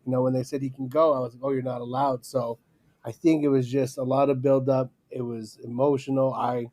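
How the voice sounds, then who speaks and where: Animated man with a mellow voice. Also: medium pitch, brisk. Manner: animated, laughs often, acts out yelling at the screen. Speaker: podcast co-host. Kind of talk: casual podcast chat.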